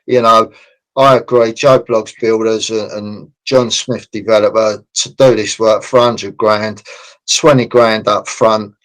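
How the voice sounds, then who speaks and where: A man's voice: fairly low pitch, unhurried, poor audio. A man, a construction consultant speaking as a podcast guest, blunt and passionate, often acting out what other people say. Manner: animated, acts out quoted people; blunt, passionate about his trade. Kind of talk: podcast interview.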